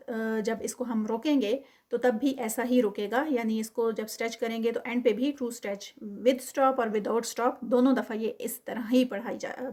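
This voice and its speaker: A slightly high-pitched woman with a Pakistani Urdu accent gives a recitation lesson. She models each word in a long sung drone, then explains in a steady, careful teaching voice with English terms dropped in.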